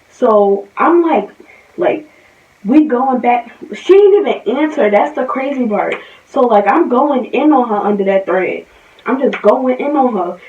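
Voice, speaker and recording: A woman's voice: medium pitch, a little mellow. A young woman from New Jersey telling a storytime vlog, heated and rambling, often repeating herself. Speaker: vlogger. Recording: roomy, distant, dull sound.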